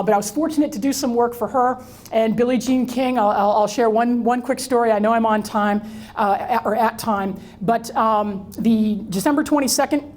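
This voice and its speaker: A middle-aged woman speaks to an audience in a lively storytelling talk, her voice sitting a little high. She often repeats words as she restarts a thought. She talks into a wireless mic. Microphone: wireless mic that drops out.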